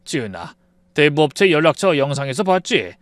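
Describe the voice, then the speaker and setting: Story narration: protective father, a man's take, sharp formal tone, dry close sound. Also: on the high side, very animated, moderate pace, no room sound. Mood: stern. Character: stern protective father of the bride.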